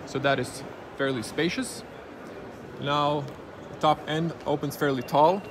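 A man's voice: on the high side, steady tone, measured pace. Man reviewing a car at a noisy show. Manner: plain, matter-of-fact pointing out of details. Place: indoor auto show hall. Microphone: handheld camera. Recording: noisy auto show floor.

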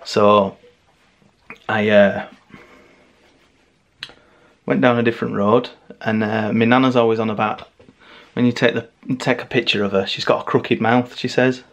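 A man's voice: mid-range voice, level tone, unhurried, pauses often. A man chatting casually on his art vlog, rambling and correcting himself as he goes, with frequent laughs. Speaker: art vlogger.

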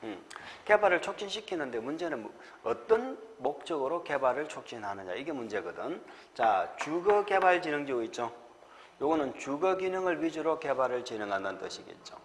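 A man's voice: on the high side, very animated, a little fast, in a large hall. A man with a Gyeongsang accent giving an exam-prep lecture, drilling mnemonics and chuckling often.

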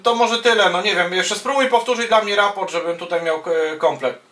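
A man who is an amateur radio operator and YouTuber makes radio calls and offers casual commentary in a high-pitched, brisk, fairly bright voice. He is procedural, spelling callsigns with phonetic words, and hesitates between phrases. A distant microphone in his small, wood-panelled radio room gives the recording a roomy sound.

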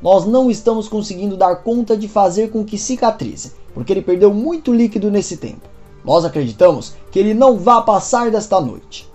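Lady doing the doctor guy giving bad news, formal and measured, mellow tone. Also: mid-range voice, animated, soft background music, natural voice. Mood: grave. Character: grave male hospital doctor.

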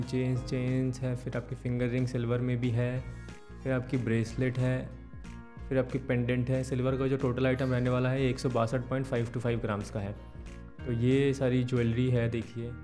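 Fast-talking young man hosting an explainer. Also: mid-range voice. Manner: steady, brisk delivery mixing in English words. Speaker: channel host. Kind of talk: explainer talk to camera. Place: indoor studio with green backdrop. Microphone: desk microphone in front.

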